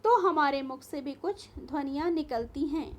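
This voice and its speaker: A woman's voice: sits high, normal speed. A woman teacher giving a recorded school lesson, explaining carefully and spelling out sounds one by one.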